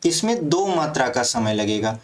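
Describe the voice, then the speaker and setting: A man's voice: mid-range voice, very animated, normal speed. A man teaching a grammar lesson for exam prep, explaining step by step and often checking that students follow.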